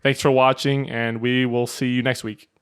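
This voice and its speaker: A man co-hosts a laid-back chat show. He chuckles and talks informally, addressing viewers directly. His voice sits at an ordinary pitch for a man. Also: flat delivery, moderate pace, smooth. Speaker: podcast co-host. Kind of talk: casual chat.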